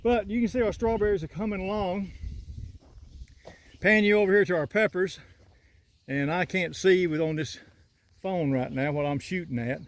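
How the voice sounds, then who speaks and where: Walking outdoors through his rural garden with a phone on a selfie stick, an older Southern man rambles in a folksy drawl for a casual vlog. His voice sits high, his pace is moderate, and he pauses often.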